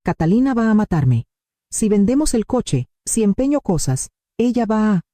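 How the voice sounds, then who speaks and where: A woman's voice: mid-range voice, big pitch swings, normal speed, dark tone, no room sound, clean studio sound, lightly acted. A woman voicing a manipulative adult son in a spoken story, her own voice barely changed. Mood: pleading. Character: manipulative grown son, a man cornered.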